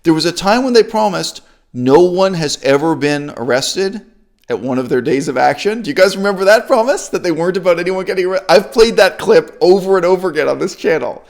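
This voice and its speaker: Male commentator, gravelly and emphatic, sarcastic opinion monologue. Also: brisk. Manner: sarcastic, emphatic, lively swings of pitch. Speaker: YouTube commentator.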